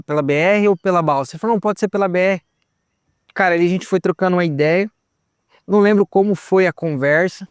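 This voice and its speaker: A man's voice: fairly high pitch, smooth, dry recording, clean studio sound. A young man giving a personal testimony outdoors on a hilltop, retelling events and acting out the dialogue. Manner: retells events with quoted dialogue, says "cara" often. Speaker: testimony guest.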